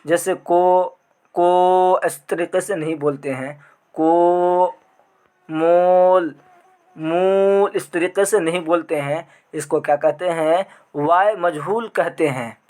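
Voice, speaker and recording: A man's voice: on the high side, normal speed. A man teaching an online grammar lesson, asking questions and answering them himself, drawing out the example words.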